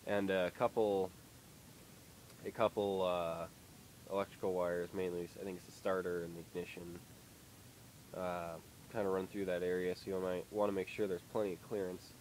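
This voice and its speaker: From a dimly lit workshop, a young car hobbyist vlogger, nasal from a head cold, gives a rambling, hesitant garage update on his car project, full of fillers. His low, darkish voice barely moves in pitch at normal speed, and the rough recording carries a little hiss or hum.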